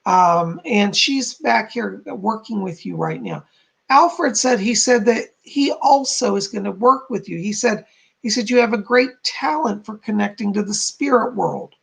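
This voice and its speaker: A man with a hoarse, croaky frog voice, giving live spiritual readings to donors as a psychic medium. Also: sits high, unhurried, a bit bright.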